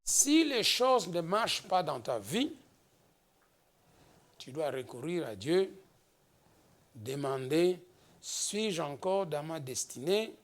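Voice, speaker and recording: A man from the Democratic Republic of the Congo preaching a slow, emphatic sermon as pastor, rising into exhortations. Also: fairly high pitch, sing-song.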